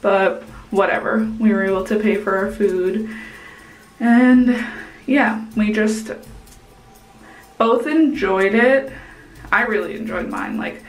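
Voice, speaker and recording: A woman's voice: mid-range voice, takes it slowly, long pauses, soft background music. A young woman talks straight to a camera at arm's length, giving a casual restaurant review. Her voice sits in an ordinary middle register, full of "like" and "um". The small room around her is noticeably echoey. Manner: chatty, heavy use of "like" and "um". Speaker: vlogger. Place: indoors, small room with plain wall.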